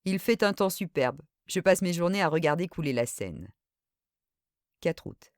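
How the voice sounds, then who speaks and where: Woman reading a story with lively expression. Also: on the low side, a little slow, dry recording, clean studio sound. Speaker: audiobook reader. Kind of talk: literary reading aloud.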